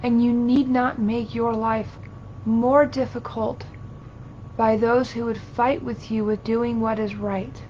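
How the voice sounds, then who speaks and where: A woman channeling as a seance medium, giving a solemn spiritual sermon in formal, archaic, halting phrases as a collective "we". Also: level tone, a little mellow. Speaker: trance channeler. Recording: dull lo-fi audio with low rumbling noise.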